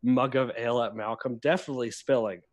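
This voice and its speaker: A man's voice: mid-range voice, fairly even intonation, fast talker. A man playing a tabletop game, playfully describing his character's antics. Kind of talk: casual play narration.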